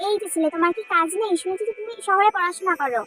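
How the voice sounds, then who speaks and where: A woman's voice: very high-pitched, racing, a bit bright, faint music behind. A woman voicing a nagging, middle-aged village aunt who scolds sharply. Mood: scolding.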